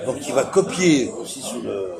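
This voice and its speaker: With music clearly playing behind him, a man of average pitch talks casually in a debate. He explains things agreeably and picks up the words of others. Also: animated, moderate pace. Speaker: debate participant. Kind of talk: casual spontaneous discussion in French. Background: background music.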